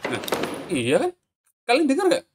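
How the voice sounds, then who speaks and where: A man's voice: very high-pitched, wildly swooping pitch, normal speed, background noise. A man with an Indonesian accent giving casual reaction commentary, exclaiming and putting questions to his viewers. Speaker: reaction video host.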